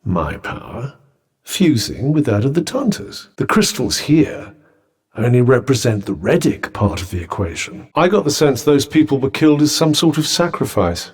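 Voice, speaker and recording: Sardonic, swooping British talking magic cuff. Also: male voice, mid-range voice, very animated, moderate pace, a little mellow, slightly rough. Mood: wry, explanatory. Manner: pompous, dry, sarcastic, eloquent. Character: sardonic, haughty talking magic cuff, disembodied male companion. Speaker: video game companion character. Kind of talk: scripted video game voice lines.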